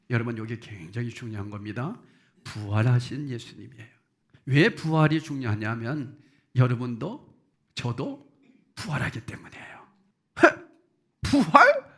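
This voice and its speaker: A male pastor preaching a sermon in a chatty way, firing rhetorical questions at the congregation and swinging from soft low asides to loud, high exclamations.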